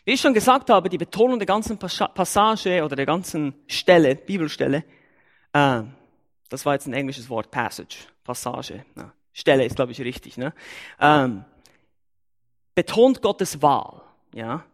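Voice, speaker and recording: High-pitched male church elder, Bible-teaching sermon, emphatic, counts off his points. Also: moderate pace. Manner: emphatic, repeats and numbers his points, lively rises and drops in pitch.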